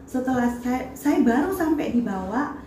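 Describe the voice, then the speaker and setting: High-voiced woman with a lilt. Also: animated, normal speed, dark tone, roomy sound, slight background noise. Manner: acts out the dialogue as she retells it. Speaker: bereaved parent speaking to reporters. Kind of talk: emotional first-person account.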